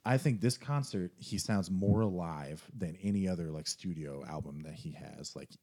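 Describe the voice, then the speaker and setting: A man's voice: deep voice, moderate pace, mellow. A man talking casually and enthusiastically about music, rambling with frequent restarts.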